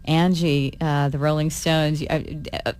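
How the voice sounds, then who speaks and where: A woman with a fairly low voice hosts an interview. She talks to her guest in a chatty, effusive manner. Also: little pitch movement, moderate pace, a little mellow, smooth. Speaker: radio talk host. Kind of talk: casual interview chat.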